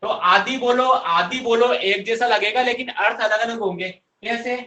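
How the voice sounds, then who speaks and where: A man's voice: extremely high pitch, unhurried, pushed and bright, lo-fi sound, slight background noise. A young man teaching an online grammar class, who keeps asking his students questions and answering them himself. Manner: coaxing, addresses students directly. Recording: echoey room.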